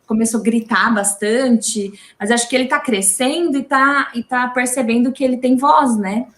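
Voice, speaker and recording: Brazilian woman, mother as interview guest, fairly high voice, hesitant with many restarts, echoey room. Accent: Brazilian Portuguese. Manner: halting, with many restarts and fillers. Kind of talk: casual video call interview. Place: home.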